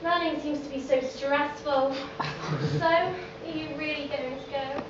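A woman's voice: high voice, fairly even intonation, unhurried, muffled recording. A woman playing a sweet, lovestruck young Victorian lady in a stage pantomime, with theatrical projection. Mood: lovestruck, dramatic. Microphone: distant camera in the audience. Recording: very echoey theatre from far off, noisy.

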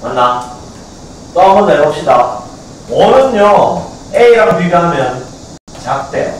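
A male math teacher with a Gyeongsang Korean accent lecturing a class, constantly quizzing students with quick checks. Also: on the high side, lively intonation, slight background noise. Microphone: far camcorder. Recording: echoey classroom from a far camcorder.

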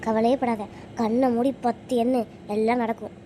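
A woman's voice: on the high side, level tone, normal speed, mellow, slight background noise, close to an everyday voice. A woman voicing a sly, scheming middle-aged aunt in a cartoon, talking dramatically.

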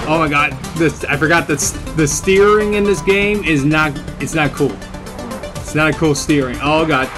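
Higher-voiced young man doing gameplay commentary. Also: steady tone, normal speed. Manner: rambling, repeats phrases. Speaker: gamer, video host. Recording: game music under the voice.

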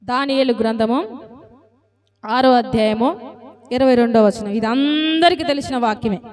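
A woman preaching a sermon to a congregation, lively and constantly asking them questions and calling for answers. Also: a little high, moderate pace. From South India.

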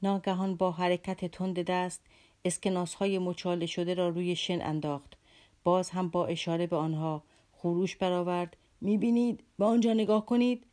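A woman reads a classic novel aloud in a measured, dramatic way. Her voice sits very low for a woman, steady and unhurried. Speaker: audiobook narrator. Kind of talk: scripted literary narration.

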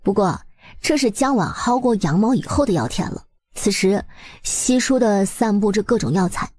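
Dry, slightly husky woman storyteller. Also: mid-range voice, expressive, normal speed, darkish tone, dry recording. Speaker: narrator. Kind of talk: expressive webnovel story narration.

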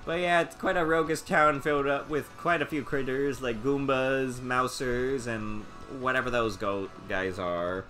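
A man's voice: mid-range voice, steady tone, measured pace, hardly any pauses, pushed and bright, faint music behind. A man casually commenting while streaming a game, rambling with lots of restarts. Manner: rambling, many fillers and restarts. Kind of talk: casual let's-play commentary.

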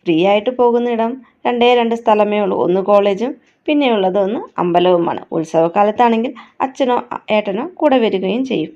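A woman's voice: mid-range voice, vocal fry, dark tone, close to an everyday voice. A woman voicing a defiant young woman who feels betrayed by her family, emotional and reproachful, on a dull lo-fi recording.

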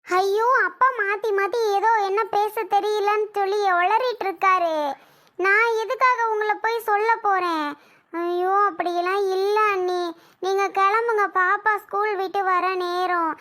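A performer playing a young wife who keeps apologizing and calming her angry sister-in-law in a family drama skit. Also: very high-pitched, measured pace, exaggerated voice. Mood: soothing. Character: pleading young woman, soothing daughter-in-law.

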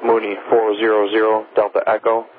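Even-toned male controller, low, over radio. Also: brisk. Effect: radio transmission. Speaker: air traffic controller. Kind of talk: repeated formal radio calls. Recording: tinny narrowband radio with faint static.

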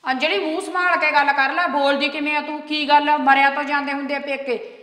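An indignant young sister-in-law, played by a woman in a drama, lecturing fast in a high, bright voice. The recording is roomy with a long hall reverb. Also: little pitch movement. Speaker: daughter of the house. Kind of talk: web series acting.

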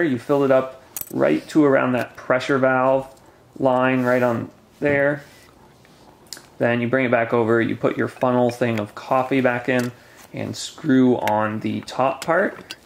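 A man's voice: mid-range voice, vocal fry, a little hiss or hum. Man explaining camp coffee outdoors. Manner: relaxed step-by-step explaining. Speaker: camping gear reviewer. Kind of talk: casual how-to vlog. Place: outdoors in an autumn forest at a picnic table.

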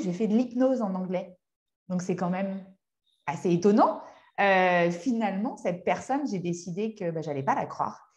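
A woman in her thirties, a hypnotherapist, giving a motivational workshop talk in a conversational, halting way as she searches for words. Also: mid-range voice, darkish tone. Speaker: speaker and hypnotherapist.

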